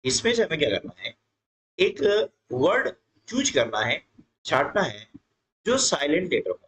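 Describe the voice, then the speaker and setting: A man teaching an English textbook lesson to students, reading English lines slowly and then explaining them quickly, with frequent tag questions. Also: fairly high pitch, very animated, fairly bright tone, a little hiss or hum, low-quality recording.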